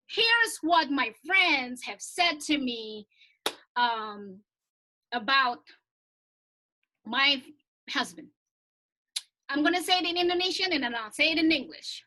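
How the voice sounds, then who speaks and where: A woman's voice: sits high, bright, forceful tone. A woman hosting a group discussion over a video call, upbeat and prompting others to join in. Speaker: forum host.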